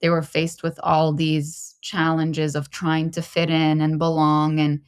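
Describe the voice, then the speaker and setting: Low-voiced, reflective woman guest. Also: monotone, clear, resonant tone, dry recording, clean studio sound. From Lebanon. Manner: measured and introspective, pausing to find words. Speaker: podcast guest. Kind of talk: reflective personal storytelling.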